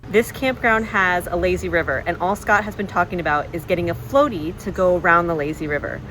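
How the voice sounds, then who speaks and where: A woman narrating a casual RV vlog in a chatty, playful, excitable way. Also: fairly low pitch, a little fast. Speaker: vlogger. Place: RV campground, indoors and outdoors. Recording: background music.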